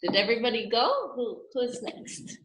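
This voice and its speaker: A woman's voice: on the high side, big pitch swings, moderate pace. A woman introducing her children on a video call, coaxing them with prompting questions. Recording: echoey room with clicking noise.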